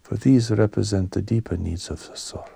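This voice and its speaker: This man preaches as a spiritual teacher, his tone calm, gentle and solemn. He keeps to brief, measured phrases, and his soft voice sits on the low side, trailing into breathiness at the ends. The recording is dry.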